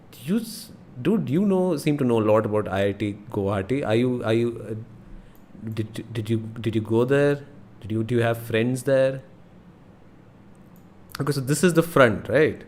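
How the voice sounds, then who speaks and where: A man's voice: medium pitch, normal speed, darkish tone. A young man with an Indian accent giving casual live game commentary, thinking aloud with frequent exclamations. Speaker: live streamer playing a geography guessing game. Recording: noticeable background noise.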